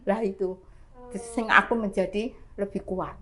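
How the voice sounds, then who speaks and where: Seorang perempuan lanjut usia beraksen Jawa, tamu podcast rumah sakit yang menceritakan perjuangannya melawan kanker dengan hidup dan sering tertawa. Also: female voice, mid-range voice, unhurried. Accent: Javanese. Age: older. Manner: animated, laughing through her story. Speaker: cancer survivor guest. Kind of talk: emotional storytelling. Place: hospital podcast studio.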